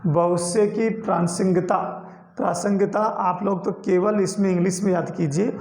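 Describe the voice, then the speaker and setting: A male teacher lecturing a class on a poem, slowly repeating key terms and mixing English words into his Hindi explanations. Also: high-pitched, fairly even intonation, a little mellow, echoey room. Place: classroom with a board.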